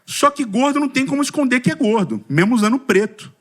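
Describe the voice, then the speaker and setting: His voice is very high-pitched and fast: a middle-aged Brazilian man, with a Brazilian Portuguese accent, giving a church community talk. His testimony is humorous and lively, full of self-deprecating jokes and questions aimed at the audience.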